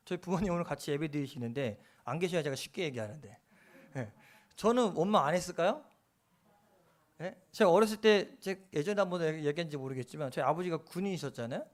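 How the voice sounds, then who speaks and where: A male pastor preaching a sermon, acting out the lines of the people in his stories and swinging from soft asides to loud emphasis. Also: on the high side. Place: church.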